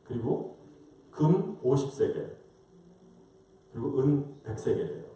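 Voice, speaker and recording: A Korean-American male pastor preaches in a church sanctuary with a lively, rising and falling delivery, firing rhetorical questions at the congregation and acting out voices. His medium-pitched voice is dark, mellow, and unhurried. A distant mic picks him up amid the large room's strong echo.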